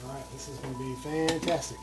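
A man's voice: medium pitch, fairly even intonation, quick pace, very noisy. A man hosting a home cooking video, chatting casually with many fillers and restarts. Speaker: cooking channel host.

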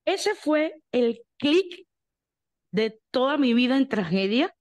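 Animated Venezuelan woman telling her story. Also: high voice, slow. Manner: animated storyteller, acts out quotes, bursts into song. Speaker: guest. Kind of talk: storytelling interview.

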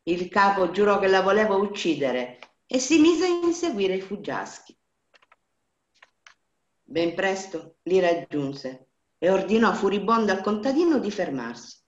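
Woman storyteller, lively swooping pitch, lo-fi recording in a roomy space. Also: unhurried. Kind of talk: fairy-tale storytelling.

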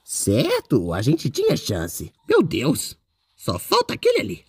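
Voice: mid-range voice, wildly swooping pitch, a little slow, gravelly, slight background noise, heavily acted. A performer voicing a mischievous, boastful male ink demon in character while commenting on a game, with a playful, exclamatory manner.

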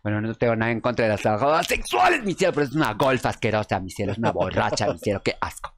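A man's voice: lowish voice, expressive, quick pace, slight background noise. A man playing a flamboyant, catty diva gossip-show hostess, sassy and calling everyone "mi cielo" nonstop. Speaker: gossip news presenter. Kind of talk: comedic gossip-show monologue.

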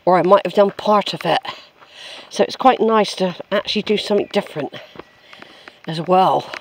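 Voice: mid-range voice, moderate pace, slight background noise. A walking vlogger, chatting casually and musing aloud outdoors on a woodland track, recorded on a handheld camera. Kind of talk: rambling casual commentary while walking. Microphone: handheld camera's built-in microphone.

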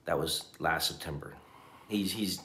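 It's night in a hotel room, and a man in his fifties, worn out after a long day, earnestly talks to the camera in a casual, reflective vlog, repeatedly restarting his sentences. His rumbling low voice has a sharp tone and a slightly slow pace, sounding reverberant from the camera on a table at arm's length.

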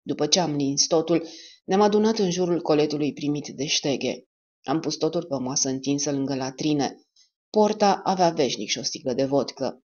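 A woman narrating a war novel as an audiobook in a steady storytelling manner. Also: sits low. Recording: dull lo-fi audiobook recording.

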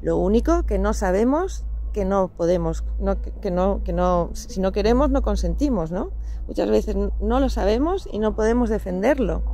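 A woman's voice: mid-range voice, creaky, mellow, slight background noise. A woman from earnestly explaining legal rights, tagging her points with rhetorical questions. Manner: earnest, many rhetorical "¿no?" tags. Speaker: channel host. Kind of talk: explanatory talk to camera.

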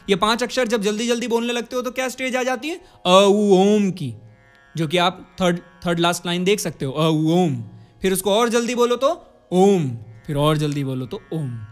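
A man teaching a singing lesson, explaining step by step and chanting vowel drills for his students to repeat. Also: high voice. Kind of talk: vocal lesson.

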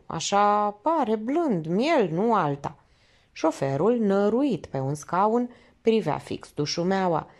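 A woman narrating an audiobook in a steady, measured reading voice. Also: low voice. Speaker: audiobook reader.

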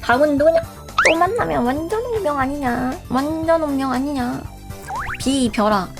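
A woman's voice: sits high, lively intonation, moderate pace, over loud music. A young woman streaming a game, chatting playfully and teasing her viewers and teammates. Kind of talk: live game streaming chat.

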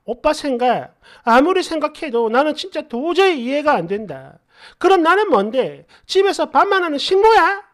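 A woman's voice: on the high side, sing-song, slow, hardly any pauses, a little mellow, exaggerated voice. A male narrator voicing a tearful, demanding young girlfriend who complains and pleads in a whiny, accusing way. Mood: drunk sobbing.

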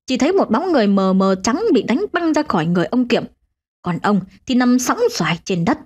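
Expressive woman telling a ghost story. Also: a little fast, husky. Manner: expressive, swinging pitch. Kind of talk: dramatic ghost story narration.

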